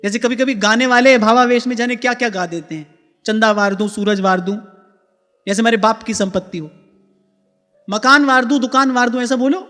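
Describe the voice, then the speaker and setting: A man giving a devotional sermon, moving between quick explanation and slow recited verse. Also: extremely high pitch, pushed and bright. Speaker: spiritual preacher. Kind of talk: devotional discourse with chanted verses. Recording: reverberant hall with faint music.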